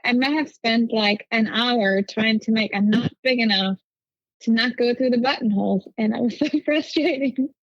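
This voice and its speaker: A woman's voice: fairly high pitch, moderate pace, no echo, dull audio. A young woman from Germany whose first language is German, chatting casually and upbeat as a podcast guest. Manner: chatty, upbeat, with frequent "like" and "you know". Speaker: guest, quilt pattern designer. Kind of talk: casual interview chat.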